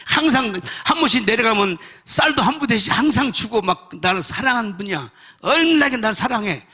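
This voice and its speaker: A middle-aged man delivers a sermon as an emotional personal testimony. His voice sits very high and bright. It carries a husky, breathy edge, and he often swells into shouts. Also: lively intonation, fairly quick. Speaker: pastor.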